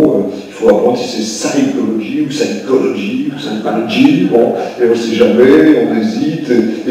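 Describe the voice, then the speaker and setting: A man's voice: medium pitch, warm tone. An older man giving a public lecture, explaining at length with frequent hesitations, recorded in a town hall. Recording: echoey hall from far off.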